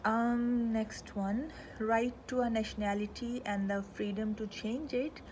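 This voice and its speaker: A woman's voice: on the high side, steady tone, a little slow, darkish tone, a little hiss or hum, poor audio. A woman, born in Pakistan and raised in Canada, explaining human rights in an informal talk, going through them one at a time. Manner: conversational, walks through items one by one.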